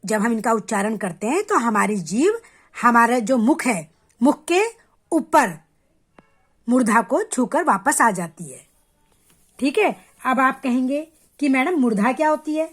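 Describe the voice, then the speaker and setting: A woman teaching a grammar lesson to children, patient and step by step, addressing them directly and sounding out letters slowly to show how they are said. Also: a little high, lively intonation. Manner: repeats sounds slowly and clearly to demonstrate.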